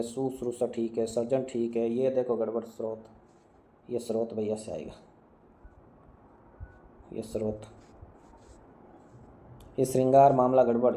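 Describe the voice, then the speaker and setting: A man teaching a grammar lesson in a very dark, heavy voice. He keeps a flat, even tone as he runs down word lists, asks a short question and answers it himself. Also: medium pitch. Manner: drilling students with quick questions and answers, repeating words. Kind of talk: online exam-prep lesson.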